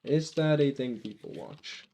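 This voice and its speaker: A man's voice: medium pitch, unhurried, warm tone. A man streaming a game, chatting casually with viewers and often restarting his sentences. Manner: rambling, self-correcting, answers chat. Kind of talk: casual live-stream chat.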